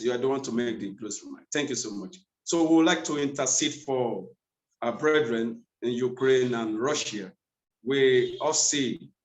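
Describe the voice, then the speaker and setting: Male host from Nigeria, formal and halting, echoey room. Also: medium pitch. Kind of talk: moderating an online event.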